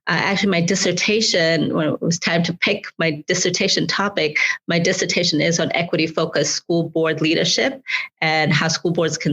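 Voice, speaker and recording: A woman's voice: low voice, a bit bright. A woman in her forties from Malawi, a school board president answering interview questions earnestly, often repeating words as she finds her phrasing.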